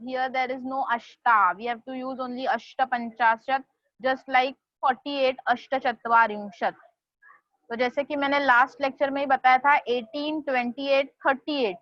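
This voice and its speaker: A woman teaches a class at a very slow, careful pace, taking her time over each sound. Her voice sits fairly high, dry and close, and the recording is dull and lo-fi. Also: no echo. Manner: slow, deliberate, spells out pronunciation. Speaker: Sanskrit tutor. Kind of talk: online class lecture mixing Hindi and English.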